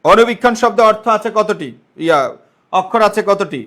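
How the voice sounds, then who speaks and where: Speaking fairly quickly in a strikingly high voice with a sharp edge, a man from Bangladesh teaches online exam prep. He breaks words into syllables, explains step by step, asks questions more than once and repeatedly checks that his students have understood.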